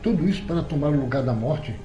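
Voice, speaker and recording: A man's voice: fairly high pitch, expressive, fast talker, warm tone, faint music behind, lightly acted. A man voicing a distraught young man with an outraged, pleading manner, in an echoey audio story. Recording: roomy echoey recording.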